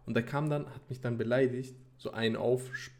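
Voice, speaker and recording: A young man co-hosting a podcast, talking in a relaxed, slangy way with mixed-in English phrases. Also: medium pitch, a little fast. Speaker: podcast co-host. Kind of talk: casual chat.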